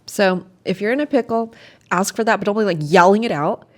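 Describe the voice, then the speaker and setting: A woman co-host in a casual chat, supportive and quick with short reactions. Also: mid-range voice.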